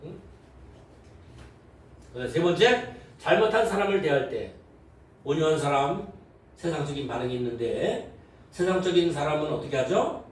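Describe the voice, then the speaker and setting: A male pastor with a fairly high voice preaches in a large, very echoey sanctuary, heard from some distance. He quizzes the congregation as he goes and slips into short acted-out voices to show worldly reactions. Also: animated, moderate pace, long pauses. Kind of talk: sermon. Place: church sanctuary. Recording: very echoey hall, voice from far off, faint noise.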